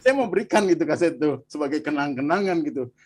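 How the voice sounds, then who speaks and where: Husky man telling a personal testimony. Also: fairly high pitch, fast talker. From Bandung, Indonesia. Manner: animated storytelling, frequent "Pak" and "gitu". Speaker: guest telling his testimony.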